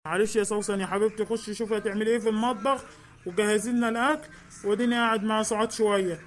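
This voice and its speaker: A woman's voice: mid-range voice, fairly even intonation, very fast, voice pushed down, close to an everyday voice. A woman voicing a grown husband who keeps the peace, soothing and reasoning with an Egyptian accent. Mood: placating. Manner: soothing, reasoning, calls people darling. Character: husband Hussein, grown man, placating peacemaker.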